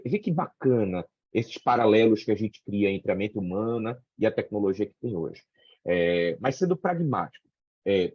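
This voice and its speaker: A middle-aged man with a Brazilian Portuguese accent talks casually on a panel, with a mellow, slightly husky timbre. He keeps checking in with his listeners through tag questions and loose fillers. The recording is dry and dull. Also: lowish voice, no room sound.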